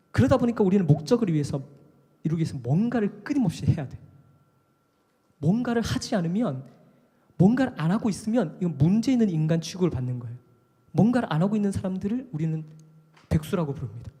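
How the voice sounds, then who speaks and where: A man preaching a live sermon at a worship service, animated and conversational, acting out the voices of others. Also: sits high, husky. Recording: long hall reverb.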